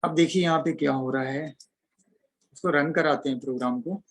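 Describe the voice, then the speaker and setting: A man's voice: fairly high pitch, brisk, rough recording. A man teaching an online programming class, explaining code step by step as he types. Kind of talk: online coding lecture.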